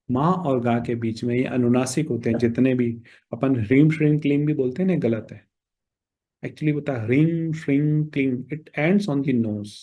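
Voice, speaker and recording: Man teaching a class, mellow, slightly husky, checks in often, chants slowly to demonstrate. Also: mid-range voice. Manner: explanatory, checks in with "okay" often, mixes in English phrases; chants mantras slowly and stresses pronunciation. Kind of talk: online class teaching mantras. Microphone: writes on a board while talking.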